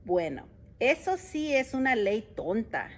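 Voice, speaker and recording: Woman doing a stubborn little rooster, high and chirpy, cheerful, earnest, storybook. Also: sing-song, slow, exaggerated voice. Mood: defiant cheerful.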